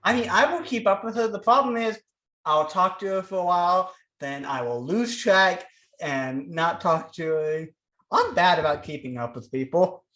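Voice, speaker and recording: A man's voice: high-pitched, moderate pace, pushed and bright. A young man co-hosting a casual podcast, trading dry, teasing banter with his friend. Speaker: podcast co-host. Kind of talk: casual chat.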